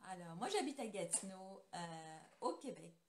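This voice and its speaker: A French woman hosts a casual live craft tutorial from her home studio, chatting loosely and greeting viewers by name through her computer's camera mic. Her mid-range voice swings widely in pitch at a moderate pace, with slight background noise.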